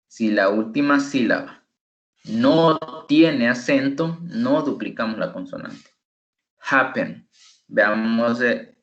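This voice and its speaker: A male tutor teaching online with a slow, careful delivery, repeating each word so the class can copy it. His voice is medium in pitch. The sound is roomy and echoey, with a dull, lo-fi quality. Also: fairly bright tone. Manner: slow, deliberate, repeats words for pronunciation drills. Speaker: English tutor. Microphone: computer microphone.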